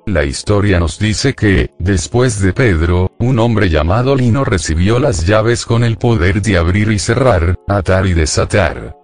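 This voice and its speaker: Deep-voiced man narrating over music. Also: animated, unhurried. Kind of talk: scripted reflection narration.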